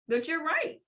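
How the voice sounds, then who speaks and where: A woman's voice: sits high, sharp tone. A woman hosting a group call, emotional and trying not to cry as she reads out comments. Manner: emotional, fighting back tears, reading comments. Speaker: host. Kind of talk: casual chat on a group call.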